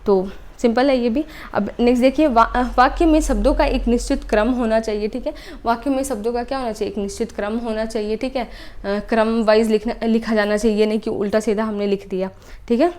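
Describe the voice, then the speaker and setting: A young woman teaches an online exam-prep class in a fairly high voice. She takes each point step by step and repeats the key ideas. She keeps checking in with short "okay"s as she goes. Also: steady tone, brisk, a little mellow. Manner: explains step by step, repeats points, often adds "ठीक है".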